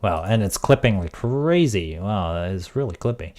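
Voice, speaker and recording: A man streaming casually, thinking aloud as he works on audio software and trailing off into quiet mutters. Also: sits low, expressive, moderate pace. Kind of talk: casual tech livestream.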